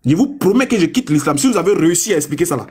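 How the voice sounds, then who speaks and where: A young man in a combative live-stream debate, taunting his opponents and reading a source text aloud slowly and deliberately. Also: a little high, lively intonation, a little mellow, breathy edge. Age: young adult.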